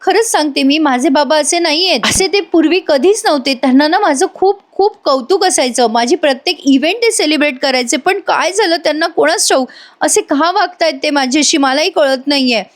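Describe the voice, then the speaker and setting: A woman's voice: sits high, a little fast, pitched above the performer's own voice, natural voice. A woman voicing a tearful young bride who earnestly defends her father. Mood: pleading. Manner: pleading, earnest.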